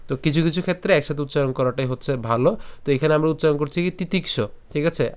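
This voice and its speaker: A man walks listeners through a verse syllable by syllable, patient and methodical. His voice sits a little high and comes across smooth and clear. He repeats each word slowly so students can follow. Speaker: Gita recitation teacher. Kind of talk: pronunciation lesson with slow chanted recitation.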